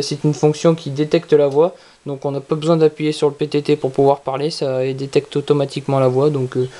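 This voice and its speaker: A product reviewer talking casually through an unboxing in a halting, repetitive way. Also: mid-range voice, warm tone. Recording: clearly noisy with handling clicks.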